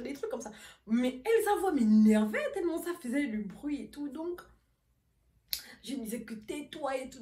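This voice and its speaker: Une jeune femme qui raconte une anecdote sur un ton familier et animé, en riant souvent. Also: female voice, fairly high pitch. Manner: animated, laughing often while telling. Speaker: vlogger. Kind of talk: casual storytime. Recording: roomy echo, voice a bit far from mic.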